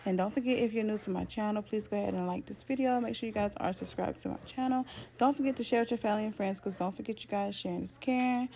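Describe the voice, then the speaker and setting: A woman's voice: medium pitch, fast, creaky, dark tone. A woman narrating a casual family vlog, chatting directly to her viewers as a mother and vlogger. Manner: addresses viewers as "you guys" and "y'all".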